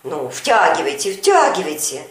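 A woman voicing a smug grown man who coaxes and patronizes, lowering her voice for him. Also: sing-song, measured pace. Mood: coaxing. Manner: patronizing, coaxing. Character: smug adult man playing doctor. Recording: echoey room with music behind.

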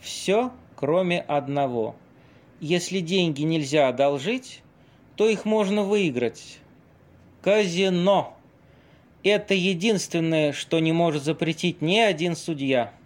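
This amateur audio play features a man as a theatrical, worldly Venetian seducer. Pitched a little high for a man, he speaks dramatically and pauses with weight, storytelling like a seasoned hand.

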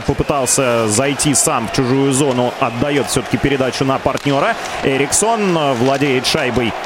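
A man giving live radio play-by-play of hockey in a measured, descriptive, detailed way. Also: on the high side, background noise.

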